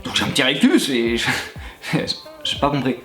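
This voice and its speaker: A man's voice: medium pitch, moderate pace. Man telling crude stories in an echoey room. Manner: animated, crude and laughing, addresses the listener directly. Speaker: YouTuber recounting his time as a gym coach. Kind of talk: comedic anecdote storytelling to the viewer. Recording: echoey room with faint background music.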